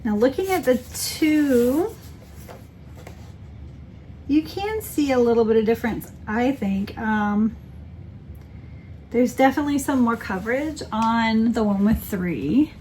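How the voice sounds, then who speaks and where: A woman's voice: fairly high pitch, lively intonation, slow pace, long pauses, darkish tone, a little hiss or hum. A woman in casual chat as a crafting vlogger, rambling and correcting herself with many ums. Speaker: cross-stitch vlogger.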